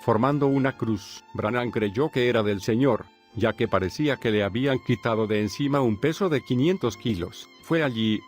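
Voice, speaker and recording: Man, documentary narrator, scripted read, steady measured delivery, medium pitch, faint background music. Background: soft background music.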